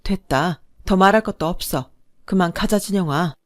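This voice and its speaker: Woman doing a wealthy executive lady, firm, unhurried, in charge. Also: on the low side, natural voice. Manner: firm, cool, authoritative. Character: commanding wealthy middle-aged woman executive.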